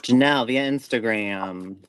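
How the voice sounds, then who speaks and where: A man's voice: mid-range voice, measured pace, smooth, rough recording. A man co-hosting a live show, giving a tarot reading in a rambling, self-interrupting way with folksy reassurance. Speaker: tarot reader, co-host.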